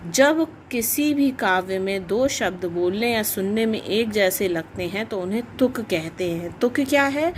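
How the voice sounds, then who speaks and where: A woman teaching a grammar lesson to children, explaining slowly and repeating each definition. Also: mid-range voice, lively intonation, a little hiss or hum.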